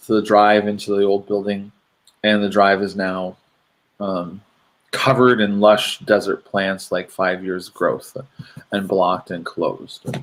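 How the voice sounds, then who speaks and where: A man, a show co-host, recounting a strange dream in a casual, rambling way with many pauses and fillers. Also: on the low side, a bit bright. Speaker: podcast co-host.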